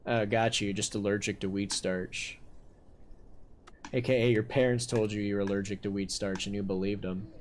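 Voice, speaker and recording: A man's voice: lowish voice, flat delivery, normal speed, slight background noise. Man, game streamer, casual rambling chatter, swears a lot, jokey, desk mic at home. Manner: profane, joking, rambling.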